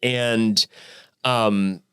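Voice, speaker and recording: A man in his thirties from Arizona, a podcast guest telling his story in a lively, profane way with many restarts and fillers. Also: on the low side, very slow, clean tone. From Arizona, United States. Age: 30s. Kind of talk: casual storytelling interview.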